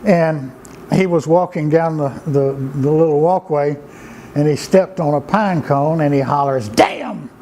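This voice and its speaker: A man, telling family anecdotes in an unhurried, halting way with many pauses and restarts. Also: fairly high pitch, mellow, slight background noise, poor audio. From Georgia, USA. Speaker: storyteller and writer. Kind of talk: folksy anecdotal storytelling.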